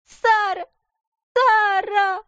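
A woman's voice: steady tone, drawn-out words, a bit bright, no room sound, highs cut off, heavily acted. A woman voicing a small weeping girl who wails and sobs. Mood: wailing. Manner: wailing, sobbing, shrill.

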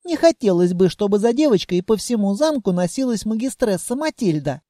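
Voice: mid-range voice, very animated, a little fast, mellow, dry recording, studio quality, natural voice. A reader voicing a polite young woman who looks after a child. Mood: patient.

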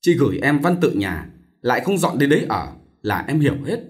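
A man's voice: medium pitch, big pitch swings, fairly quick, pitched above the performer's own voice, lightly acted. A man voicing a distressed young married woman, an elder sister who pleads and weeps. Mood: tearful. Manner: tearful, pleading.

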